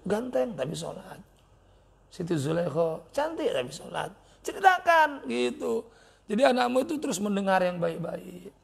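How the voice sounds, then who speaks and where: A man's voice: sits high, creaky, breathy edge. A young man preaching a casual religious lesson, acting out little dialogues and quizzing his listeners. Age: young adult. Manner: animated storytelling, acts out dialogue, asks audience questions. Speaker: preacher teaching at an Islamic boarding school.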